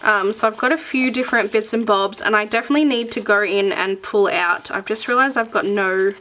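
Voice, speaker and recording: A woman's voice: medium pitch, a little fast, pushed and bright. A woman chatting casually and enthusiastically as she shows off her planner supplies, with lots of fillers along the way. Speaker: planner content creator. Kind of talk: casual chat showing craft supplies.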